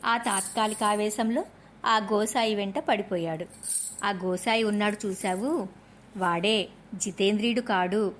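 A woman's voice: medium pitch, unhurried, pauses often, a little hiss or hum. Woman reading a devotional story. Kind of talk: scripted narration of a devotional story.

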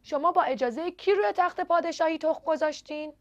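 A woman voicing a proud, bossy female mandarin fish in a children's storybook, with a shrill, screechy voice. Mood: haughty. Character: haughty shrieking female mandarin fish, would-be queen. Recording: dull lo-fi recording.

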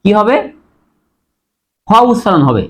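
A man with a high voice teaches pronunciation rules. He works through each example slowly, repeats the words and poses questions to his students as he goes. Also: very animated. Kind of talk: Bengali pronunciation lesson.

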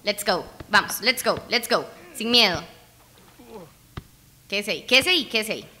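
A young woman giving excitable let's play commentary, cheering and pleading at the game and bursting into cries. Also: mid-range voice, moderate pace. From Costa Rica. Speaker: gamer.

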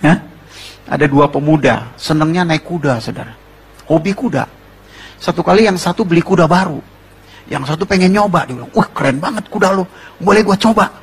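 A man's voice: a little high, gravelly, breathy edge. A man preaching a conversational sermon, asking the congregation rhetorical questions and telling jokey stories in a slangy, informal way. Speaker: preacher giving a testimony.

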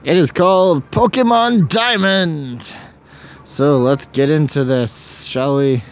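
Male gameplay host, casual and unhurried, chatty with lots of fillers. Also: a little high, slight background noise. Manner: rambling, jokey, many fillers. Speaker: Let's Play host.

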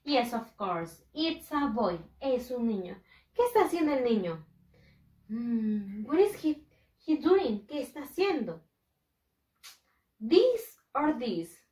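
A woman teaching English to small children, a Spanish speaker who stretches each word out slowly and repeats it for drills. Her voice sits a little high. It sounds roomy and echoey, as if the mic were some distance from her. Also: very animated, a little mellow. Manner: slow, emphatic drilling of pronunciation, switching languages. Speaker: first-grade English teacher. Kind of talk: bilingual classroom lesson.

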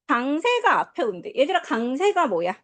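A woman teaching English to a class, drilling pronunciation and quizzing her students in a lively, coaxing way. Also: high-pitched, moderate pace. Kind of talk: classroom lesson.

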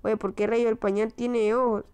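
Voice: medium pitch, flat delivery, normal speed, a little mellow, clean tone. A casual let's-play commentator who chats, mutters and reacts jumpily to scares. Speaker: gameplay commentator.

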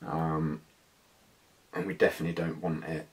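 A man's voice: very deep voice, little pitch movement, moderate pace. A British man in his thirties giving a casual, slangy, slightly hesitant hands-on gear walkthrough indoors. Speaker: motovlogger. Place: small living room, indoors.

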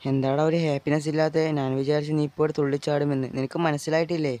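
A man's voice: fairly high pitch, level tone, quick pace, warm tone, no echo, natural voice. A man voicing a loyal, playful best friend in an amateur dub of a game short film. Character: loyal male best friend, cheerful and teasing.

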